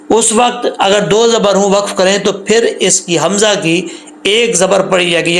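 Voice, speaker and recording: A man teaching tajweed rules patiently, repeating points and drawing out the recited syllables slowly. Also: sits high, creaky, fairly bright tone, a little hiss or hum. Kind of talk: tajweed lesson with slow recited examples.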